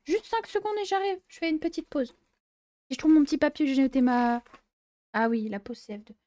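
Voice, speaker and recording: Brief: woman gaming creator, casual horror-game commentary, playful and loose-mouthed, voice a touch high. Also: brisk, mellow. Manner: chatty, jokey, talks back to game characters; casual swearing and slang. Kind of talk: let's-play commentary.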